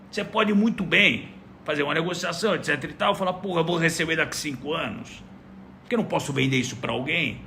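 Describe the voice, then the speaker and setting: A man's voice: on the high side, creaky, pushed and bright, slight background noise. A man co-hosting a podcast, talking emphatically in casual chat. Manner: emphatic, talks in lists. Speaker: podcast co-host.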